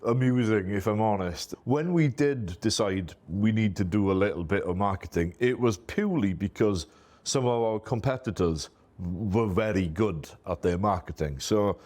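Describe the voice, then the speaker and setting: A middle-aged Welshman, an MSP business owner appearing as an interview guest, speaks at normal speed in a lowish, slightly mellow voice with a Welsh accent. Welsh is his first language, and he talks casually and self-deprecatingly, often saying "you know."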